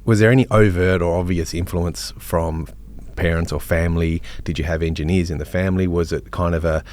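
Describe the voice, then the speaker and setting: A man's voice: low voice, steady tone, fairly quick, a little mellow. A man hosting a podcast interview, asking probing questions in a conversational way. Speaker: podcast host.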